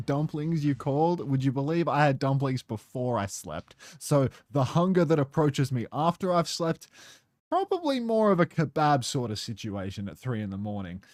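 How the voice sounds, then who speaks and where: A man's voice: on the high side, dry recording. A man who has just woken up, casually chatting on a stream and reading messages from chat aloud in a loose, joking way. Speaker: esports co-streamer host. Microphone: headset.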